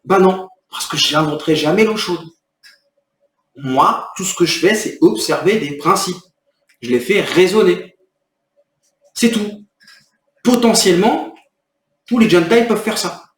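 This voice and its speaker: This video creator speaks unhurriedly and pauses often, his high voice a bit bright, while he irritably rambles about his next video and vents. The vlog is recorded off mic at a distance, in an echoey room.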